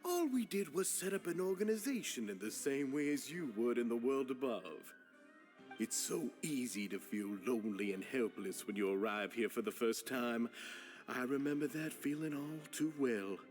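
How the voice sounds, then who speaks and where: A man's voice: mid-range voice, expressive, moderate pace, darkish tone, soft background music, lightly acted. A man playing an earnest, courteous society leader with a Southern US accent and a drawl.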